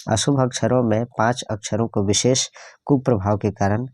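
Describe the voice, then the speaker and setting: Low-voiced guy teaching grammar, slow methodical letter lists, mellow tone. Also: fairly even intonation, dry recording. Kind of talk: exam-prep grammar lesson.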